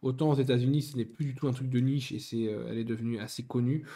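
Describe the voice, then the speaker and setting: A man's voice: medium pitch, steady tone, fast talker, mellow. Chatty man rambling over a Lego build. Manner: rambling, self-correcting, chatty. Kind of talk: casual chat while building.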